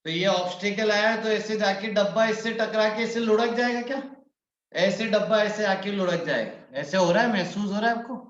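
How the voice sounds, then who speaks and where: High-voiced man teaching a physics class. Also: normal speed, a bit bright. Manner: coaxing, addresses students by name; mixes English physics terms into his talk. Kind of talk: online class lecture. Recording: muffled echoey room.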